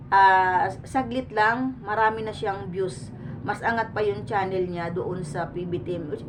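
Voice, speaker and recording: Earnest woman vlogger, far from the mic. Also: medium pitch. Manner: earnest, pleading, with many fillers and restarts. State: sweating from the heat. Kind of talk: casual reaction commentary to the camera. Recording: distant mic with faint room noise.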